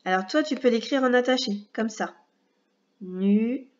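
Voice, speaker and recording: A woman gives a first-grade reading lesson, addressing the child directly with patience and crisp articulation. Her voice is slightly high, animated and brisk, and the recording's high frequencies are cut off.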